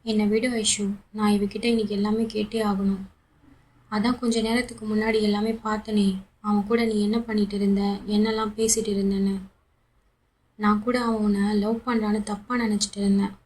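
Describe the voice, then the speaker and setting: A woman's voice: medium pitch, little pitch movement, a little fast, a little mellow, close to an everyday voice, rough recording. A woman voicing a jealous, heartbroken young woman in a romance audiobook, speaking in a bitter, accusing way.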